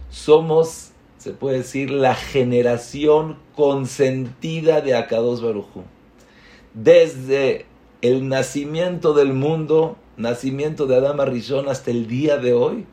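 A man's voice: mid-range voice, dark tone. A man giving a sermon, telling a story with earnest rising and falling emphasis.

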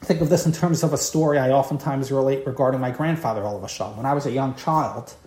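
Woman, low voice, Torah teacher, emphatic lecture, roomy echo. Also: fast, warm tone. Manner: emphatic, impassioned, repeats key words. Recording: roomy, echoey room.

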